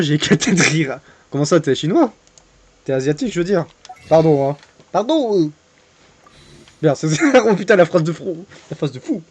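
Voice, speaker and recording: A man's voice: fairly high pitch, darkish tone. A young man casually commenting on his gameplay while chatting with viewers, joking and crude. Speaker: streamer. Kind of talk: casual live game commentary.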